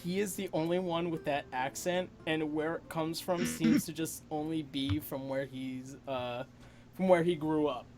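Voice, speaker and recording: Slow, halting male game master. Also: a little high, steady tone, a little mellow, soft background music. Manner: slow, halting narration full of ums and uhs. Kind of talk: narrating a tabletop game.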